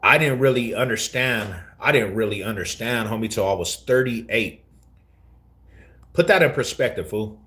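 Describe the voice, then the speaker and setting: A man's voice: lowish voice, animated, moderate pace, sharp tone. A man in his forties telling his story on a casual live stream, slangy and repeating himself, calling the listener bro. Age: 40s.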